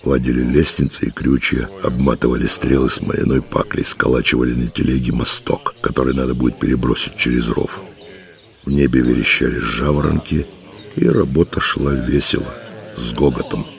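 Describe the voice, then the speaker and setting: A man narrating a historical audiobook in a measured storytelling manner, with music behind. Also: very deep voice, fairly even intonation, vocal fry.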